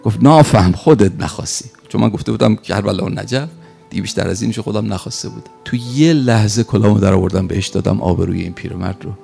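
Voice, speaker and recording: A man telling a religious story as a preacher, animated and pausing for effect. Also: on the low side, gravelly, breathy edge, faint music behind.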